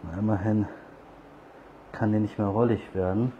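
A man's voice: fairly low pitch, steady tone, normal speed, narrow, tinny audio, a little hiss or hum. A man talking casually to street cats as he feeds them outdoors, coaxing and scolding them with a rising, sing-song voice when he calls them over. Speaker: cat feeder and channel host. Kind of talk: casual talk to cats while feeding.

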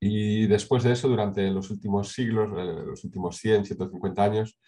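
A middle-aged man from Spain presenting a project over a video call, speaking in a measured way with many hesitations and tag questions. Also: on the low side, steady tone, mellow. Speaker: sustainability consultant presenting a project. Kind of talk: online conference talk with slides. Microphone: webcam on a video call.

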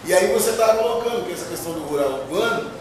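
A man's voice: high voice, animated, quick pace. Man from São Paulo in an echoey hall. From São Paulo, Brazil. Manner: conversational, loose with restarts. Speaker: guest lecturer. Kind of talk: lecture discussion. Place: large lecture hall. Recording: echoey hall, distant noisy mic.

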